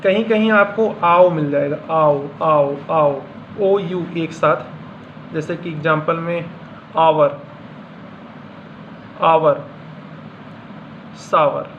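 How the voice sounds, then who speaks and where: A man teaching pronunciation in Hindi, reading out example words one at a time in a slow, deliberate way. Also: on the high side. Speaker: English teacher. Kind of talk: classroom lesson explaining pronunciation. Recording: dull lo-fi sound with faint room hum.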